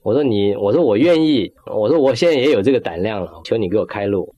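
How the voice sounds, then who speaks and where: A man's voice: lowish voice, expressive, very fast, mellow. A middle-aged man giving an emotional personal faith testimony, acting out his own prayers and dropping in English words. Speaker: testimony speaker.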